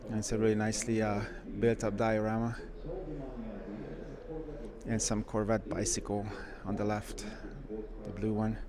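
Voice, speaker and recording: A man who runs a car shop, walking through a car museum and giving casual, enthusiastic commentary with frequent pauses. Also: lowish voice, monotone, a crowd in the background. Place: indoor car museum halls.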